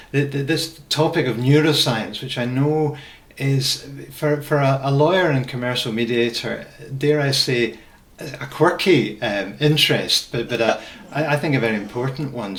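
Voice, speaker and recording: Man, interviewer, mid pitch, hesitant with repeated words, echoey room, video call. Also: fairly bright tone. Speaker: interviewer, mediation teacher. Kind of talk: interview questions.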